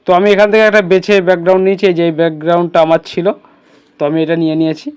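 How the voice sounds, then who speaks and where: A man with a high, steady voice talks at a racing pace, his tone a little mellow, clear and resonant. He hosts an informal step-by-step tutorial, giving instructions and frequently checking that listeners are keeping up.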